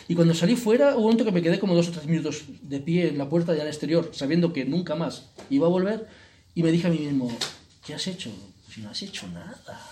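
A man with an accent from Spain leads a retreat talk, his slightly high voice rattling along at a quick clip. He keeps things colloquial and throws in plenty of rhetorical questions and tag words. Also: warm tone. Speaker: retreat leader.

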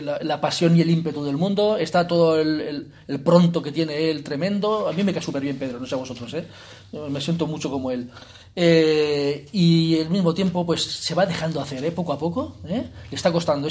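A man with a slightly raised pitch gives an informal spiritual retreat talk. He speaks conversationally, constantly checking in with his listeners, and lightens things with jokey asides. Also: a little mellow. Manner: conversational, peppers sentences with "¿eh?" and "¿no?". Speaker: retreat leader.

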